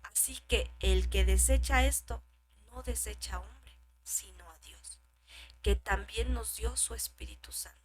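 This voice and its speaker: A woman preaching a sermon, asking rhetorical questions and swinging from loud emphasis to hushed whispers. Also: mid-range voice, measured pace, slight background noise.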